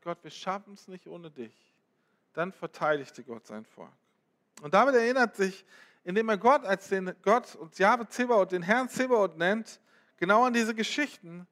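A man preaching with an unusually high voice. His sermon is loose and conversational. He keeps turning to his listeners with short questions and asides. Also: fairly bright tone. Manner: addresses listeners directly with quick asides.

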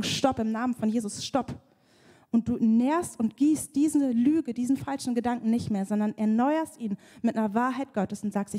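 A woman's voice: a little high, warm tone. A young adult woman preaching a sermon with vivid storytelling, now and then acting out prayers. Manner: vivid storytelling, acts out prayers and a crying baby. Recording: long church hall reverb.

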